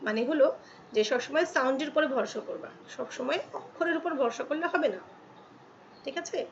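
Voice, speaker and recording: Woman, grammar teacher; high voice, reads English examples slowly, keeps checking in with the listener; dull lo-fi recording. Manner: slow, drawn-out reading of English examples. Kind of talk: explaining articles to students in Bengali. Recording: dull lo-fi with faint ambient noise.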